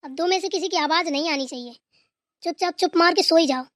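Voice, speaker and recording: A woman's voice: very high-pitched, fast, a bit bright, no room sound, clean studio sound. A woman voicing a grumpy older mother-in-law who nags and scolds in a comic family skit. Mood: scolding. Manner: bossy, nagging scolding.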